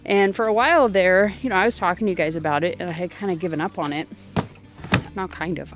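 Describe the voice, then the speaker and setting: A young woman vlogging outdoors on her homestead, talking casually in a rambling, distracted way with lots of fillers, a little out of breath. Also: fairly low pitch. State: slightly out of breath. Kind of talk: casual vlog talk.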